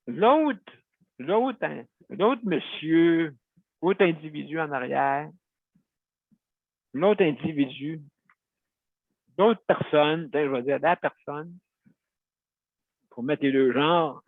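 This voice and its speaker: A male host with a slightly high, animated, creaky voice talks slowly with long pauses, telling his listeners a rambling, chatty story and correcting himself along the way. The audio is tinny, phone-like and dry, with no echo.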